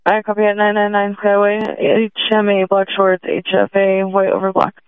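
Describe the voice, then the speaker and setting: A male dispatcher answers over a two-way radio in a high, smooth, evenly pitched voice, briskly confirming details in radio code. The line is tinny and dry. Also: fairly even intonation, no echo. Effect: heard over a two-way radio. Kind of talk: police radio traffic.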